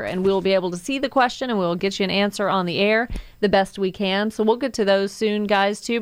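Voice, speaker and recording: A woman's voice: mid-range voice, clean tone. A woman radio host with an informal, chatty way, announcing in the manner of a live contest promo from a studio, close on the mic. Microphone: close studio microphone.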